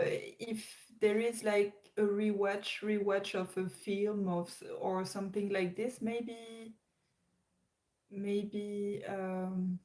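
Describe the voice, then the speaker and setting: A woman's voice: medium pitch, a little mellow, low-quality recording. A young woman with a French accent hosting a casual livestream chat, hesitant with many fillers and restarts. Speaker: livestream host.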